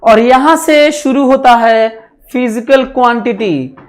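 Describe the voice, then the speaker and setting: Male physics teacher, lecturing slowly, repeats himself, quizzes and dictates to the class. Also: very high-pitched. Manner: repeats phrases, mixing English terms into Hindi; asks the class questions and dictates notes. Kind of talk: classroom lecture for exam students.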